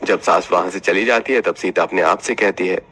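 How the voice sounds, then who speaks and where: A man narrating an animated family story in steady scripted storytelling. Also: low voice, a little fast.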